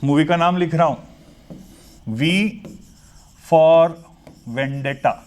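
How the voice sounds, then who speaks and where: Indian man, lecturer, unhurried, pitched a bit high, chatty and jokey, dictates English lines slowly in a classroom. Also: steady tone, darkish tone, smooth. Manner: chatty, jokey, switches between Hindi and English, slows down to dictate English phrases. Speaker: teacher.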